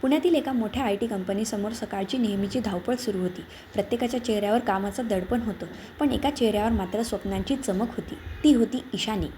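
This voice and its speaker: A woman reads a scripted story in a calm, measured way. Her voice is warm and mellow, with a faint hiss of noise behind it. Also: mid-range voice. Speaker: narrator.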